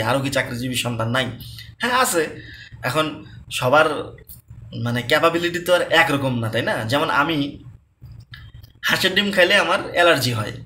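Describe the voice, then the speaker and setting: A man's voice: on the high side, pushed and bright, a little hiss or hum. A man from Bangladesh in his thirties, giving a casual, conversational personal talk that repeats its points and keeps asking the listener to agree. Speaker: lecturer.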